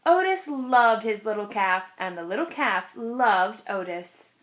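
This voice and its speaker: A woman with a mid-range voice reads a children's picture book aloud expressively, taking things a little slowly.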